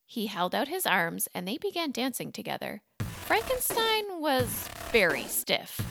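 A woman narrating a children's storybook in an animated, expressive way. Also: a little high, a little slow, gravelly, noisy background.

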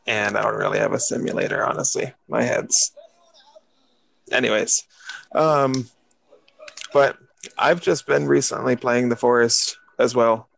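A man with a mid-pitched voice full of heavy vocal fry chats casually. He is halting and hesitant as he talks. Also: steady tone, a bit bright. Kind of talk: casual chat.

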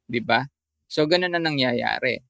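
A man, a photographer guest, telling a story in casual chat, halting with many fillers and restarts. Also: medium pitch, vocal fry, bright, forceful tone, no echo.

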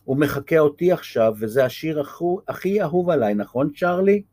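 A man's voice: on the high side, lively intonation, warm tone, pitched above the performer's own voice. A man voicing a fond neighbor woman who coos over her pet bird in a children's story. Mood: doting. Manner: cooing, giggly. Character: fussy, doting older neighbor woman.

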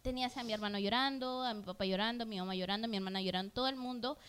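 A woman with a smooth, clear voice that sits a little high. She talks in long, earnest, rambling turns, open and personal, as a podcast co-host in casual chat. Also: racing, fairly bright tone. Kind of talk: candid conversational podcast.

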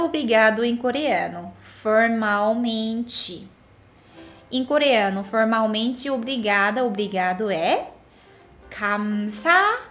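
A woman's voice: a little high, fairly bright tone. A woman giving a casual language lesson as a Korean teacher, patiently repeating words for the learner to echo.

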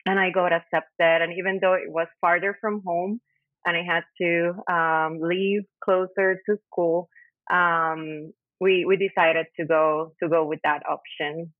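A woman's voice: on the low side, little pitch movement, measured pace, dry recording. Puerto Rican woman on a phone line. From Puerto Rico. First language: Spanish. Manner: frequent ums, searching for words. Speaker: guest engineer. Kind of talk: casual interview answers.

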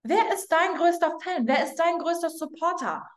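A woman hosting a mindset podcast, guiding the listener through slow, emphatic affirmations and speaking to them directly. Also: very high voice, reverberant. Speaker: podcast host, mindset coach. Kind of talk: guided affirmation coaching.

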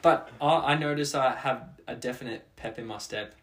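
A man chatting casually on a podcast, upbeat and reflective, guiding the conversation with questions. His voice sits at a plain middle pitch for a man. He sounds like a young co-host thinking out loud. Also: normal speed, a little hiss or hum. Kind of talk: casual chat.

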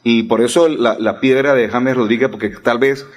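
Man, mid-pitched, blunt, combative radio host. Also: fairly even intonation, moderate pace. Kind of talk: heated radio debate.

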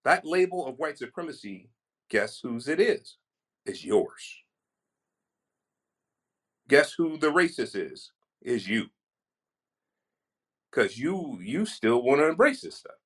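A man's voice: medium pitch, very animated, unhurried, fairly bright tone, slightly rough. A man speaking as an author on a discussion panel, emphatic and persuasive, posing rhetorical questions. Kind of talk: discussion, argument.

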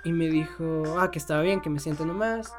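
A man's voice: fairly high pitch, moderate pace, music in the background. A young man casually telling a personal story, swearing freely and laughing often.

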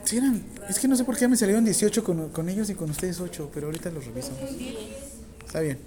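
A woman with a Mexican accent teaching a nursing class, talking casually with slang, dictating slowly and firing questions at the students. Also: on the low side, expressive, warm tone. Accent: Mexican Spanish. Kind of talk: classroom lecture.

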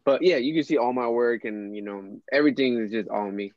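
A man who is a guest on a podcast, talking about his design work with many pauses and filler words. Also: medium pitch, dry recording, muffled recording. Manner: hesitant, full of ums and uhs. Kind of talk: casual chat.

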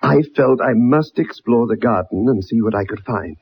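In a 1960s radio drama heard through a muffled old broadcast, an actor plays an earnest, dogged young ex-soldier recounting his story formally and dramatically. His medium-pitched, natural voice moves at normal speed, with a little hiss or hum.

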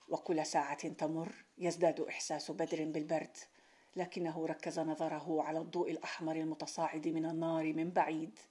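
A woman narrates a storybook tale as a storyteller, reading in a measured, even way. Her voice sits notably low for a woman. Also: slightly rough.

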